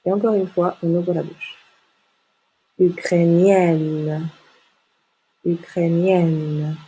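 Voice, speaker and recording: A woman teaches a language class at an unhurried pace, spelling out endings and repeating each word with deliberate care. Her voice is mellow and breathy, sitting a little low for a woman. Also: steady tone, low-quality recording. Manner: repeats words slowly and distinctly, modeling pronunciation. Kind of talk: slow, clearly articulated lesson for learners.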